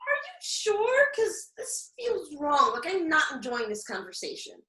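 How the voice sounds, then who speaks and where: A woman plays a small storybook girl with a very high, bright voice, all flustered sarcasm and nervous defiance. She is acted for a comedic radio play, in a roomy, echoing space. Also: very animated, measured pace, full character voice. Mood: embarrassed.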